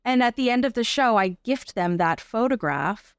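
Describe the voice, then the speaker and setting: Speaking at normal speed with a fairly high, lively and resonant voice, a Canadian woman explains her work as an artist and arts accessibility advocate. She's an interview guest with a chatty style who often checks in with the listener, heard clearly in a clean studio with no room sound.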